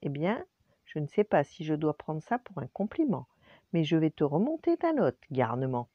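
A woman voicing a stern, pompous male singing teacher who scolds loudly and theatrically, with a dull lo-fi sound. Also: sits low, sing-song, moderate pace, dry recording. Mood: astonished.

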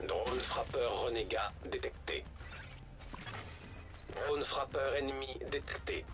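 A robotic male AI system voice in a video game, reading alerts in flat, clipped reports. His pitch sits in an ordinary middle range. Loud gunfire and game noise run behind him. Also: takes it slowly.

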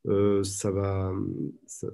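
A man's voice: low voice, monotone, drawn-out words, mellow, clear, resonant tone. A man giving an online conference talk over a video call, hesitant and full of fillers. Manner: hesitant, many "euh" fillers. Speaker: guide dog trainer presenting at a conference.

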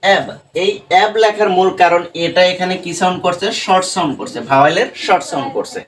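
A teacher with a Bengali accent and a mid-range voice gives a pronunciation lesson to students. He asks questions, answers them himself, and repeats words slowly.

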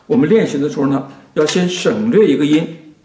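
A man teaching violin, speaking slowly and patiently to a student, his sentences trailing off softly. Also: on the high side, expressive, slight background noise. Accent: Mandarin Chinese. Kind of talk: explaining to a student in a lesson. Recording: echoey room with violin playing.

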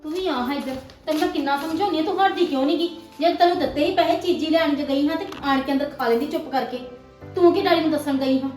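A young woman plays a harried mother who scolds quickly, heard from some distance in an echoey room with music underneath. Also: high-pitched, darkish tone, natural voice. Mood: exasperated. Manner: scolding, exasperated. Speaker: mother of the girl. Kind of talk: family web drama acting.

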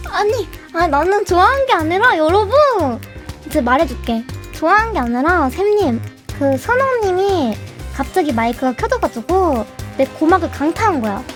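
Very high, lively young streamer woman. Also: moderate pace. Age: 20s. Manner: animated, flustered and protesting, shouting and laughing. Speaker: livestreamer. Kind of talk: casual chat with viewers. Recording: music playing behind the voice. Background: background music.

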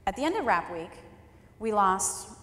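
A woman's voice: mid-range voice, big pitch swings, moderate pace, pushed and bright. Woman speaker in an echoey hall. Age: 30s. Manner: candid, wry, emphatic storyteller. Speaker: keynote speaker. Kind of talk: storytelling speech. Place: large hall at a leadership forum. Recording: roomy hall with long reverb.

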